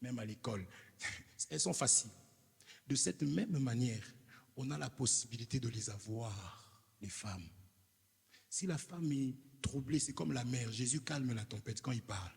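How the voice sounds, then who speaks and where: A man's voice: medium pitch, expressive, measured pace, creaky, husky. A man with a Congolese accent, a preacher delivering an emphatic sermon with rhetorical questions to his congregation in a church hall. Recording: reverberant hall.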